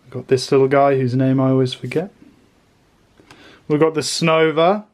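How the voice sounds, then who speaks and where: A man with a mid-pitched voice presents a collectibles review as host. His delivery is expressive and eloquent, slipping into casual slang, somewhere between scripted narration and relaxed commentary. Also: moderate pace. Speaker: trading card reviewer and host.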